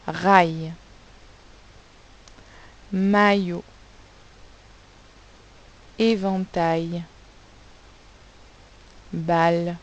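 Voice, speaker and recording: A woman teacher giving a recorded spelling lesson for young pupils, slowly sounding out words and spelling them letter by letter. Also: mid-range voice. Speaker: primary school teacher.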